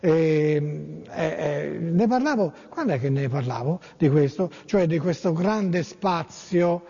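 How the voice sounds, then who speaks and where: A man's voice: on the high side, expressive, slow, gravelly, mellow, husky. A man from Tuscany, hosting a casual monologue and reading listener messages in a playful, rambling way that repeats words. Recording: lo-fi with long reverb.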